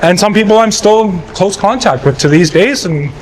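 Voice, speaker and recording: A relaxed man in his thirties, his voice sitting fairly high, talks through his memories in an easygoing way. He is walking outdoors, with faint ambient sound in the background. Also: moderate pace, slight background noise, low-quality recording. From Toronto, Canada. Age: 30s. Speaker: podcast guest. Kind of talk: casual conversational storytelling. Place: outdoors on a country road.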